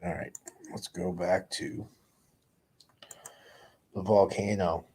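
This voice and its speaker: A man's voice: low-pitched, fairly even intonation, takes it slowly, a little mellow, slight background noise. A man hosting a casual live chat, telling rambling stories with lots of groans and fillers.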